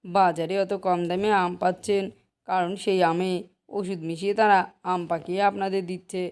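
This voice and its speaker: A woman's voice: fairly low pitch, flat delivery, moderate pace, a little mellow, clear, resonant tone, lightly acted. A woman voicing a poor village mango seller who pleads and bargains to sell her fruit. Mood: persuasive. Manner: pleading, persuasive sales talk. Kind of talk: Bengali cartoon voice acting.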